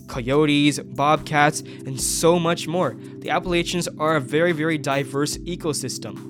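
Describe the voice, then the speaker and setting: A young man vlogging a mountain hike, enthusiastically explaining geology and nature outdoors. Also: on the high side. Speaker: travel vlogger. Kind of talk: educational hiking vlog.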